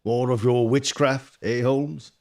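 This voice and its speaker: An actor playing a genial, polite, slightly hesitant Victorian gentleman doctor in an audio drama. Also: medium pitch, steady tone, takes it slowly. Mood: curious. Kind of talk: audio drama acting and narration.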